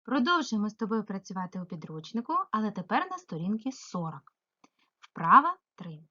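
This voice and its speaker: A female primary school teacher giving a remote grammar lesson, asking the pupil questions and answering them herself, stretching example words slowly. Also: mid-range voice, very animated, a bit bright, dull audio. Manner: slow, sing-song emphasis on example words; addresses the pupil directly, asks and answers herself.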